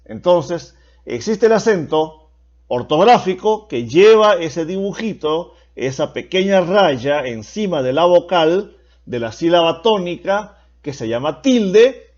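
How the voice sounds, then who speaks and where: A man's voice: high-pitched, expressive, slow pace, a little mellow, dull audio. A man teaching a recorded grammar lesson, patient and explanatory, repeating key points for his students.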